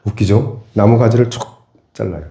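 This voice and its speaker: Man preaching, mellow voice in a roomy church. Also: on the low side. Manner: asks the congregation questions and answers them himself. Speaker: pastor. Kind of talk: sermon. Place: church sanctuary.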